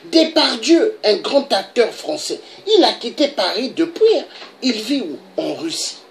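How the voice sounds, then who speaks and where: Woman, from DR Congo, emphatic political monologue, slow delivery, lively pitch. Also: creaky, slight background noise. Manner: emphatic, repeats "hein?" for emphasis. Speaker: political commentator. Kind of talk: impassioned monologue to camera.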